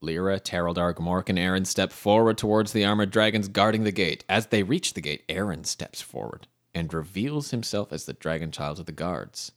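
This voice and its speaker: A man's voice: low-pitched, moderate pace, hardly any pauses. A young man narrating an AI-run tabletop game, reading the text aloud and joking in between. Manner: reads narration aloud, breaks off laughing and joking.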